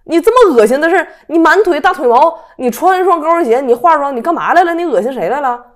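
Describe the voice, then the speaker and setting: A woman's voice: sits high, animated, quick pace. A woman in her thirties hosting a casual talk show, speaking emphatically and firing off indignant rhetorical questions. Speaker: host. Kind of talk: casual political chat.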